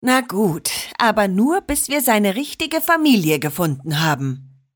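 A woman's voice: mid-range voice, sing-song, measured pace. A woman voicing a caring but firm old grandmother with a touch in a storybook. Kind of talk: storybook reading.

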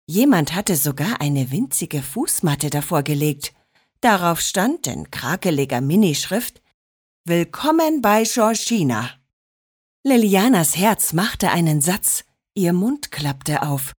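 Slow, expressive woman reading a children's story. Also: low voice, slightly rough, no room sound, studio quality. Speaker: narrator.

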